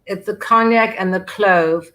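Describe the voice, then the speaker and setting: Woman perfumer, casual event chat, gushing and repetitive, mid-pitch. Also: unhurried, a bit bright, rough recording. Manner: effusive, piles on words like beautiful and gorgeous; frequent restarts and repetitions. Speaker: perfumer and fragrance brand founder.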